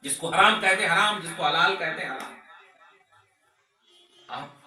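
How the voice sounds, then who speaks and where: A male Islamic preacher delivering a sermon to a gathering at a home, impassioned and rising to shouts, reciting Arabic phrases. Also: on the high side, a little slow, recorded from a distance, soft background music. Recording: echoey, voice from off mic.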